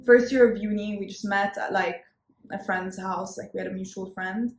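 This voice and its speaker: A woman's voice: mid-range voice, steady tone, moderate pace, a little hiss or hum. A young woman hosting a podcast in an upbeat, chatty way, with many fillers. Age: young adult. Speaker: podcast host. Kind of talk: casual chat. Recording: roomy echo.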